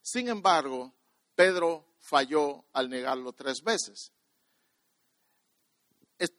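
During a sermon, a male preacher with a higher-pitched voice recounts a personal story, often repeating and restarting words as he swings from quiet to loud. There is no echo.

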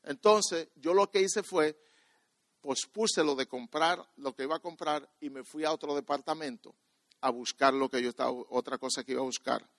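A man's voice: on the high side, moderate pace, no echo. Man preaching a storytelling sermon. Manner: repeats and restarts words, swings between soft and loud.

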